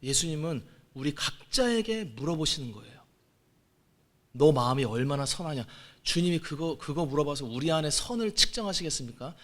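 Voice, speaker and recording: A man in his forties preaching a sermon as pastor, moving between quiet asides and loud exclamations. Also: on the high side, animated, moderate pace. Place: church sanctuary.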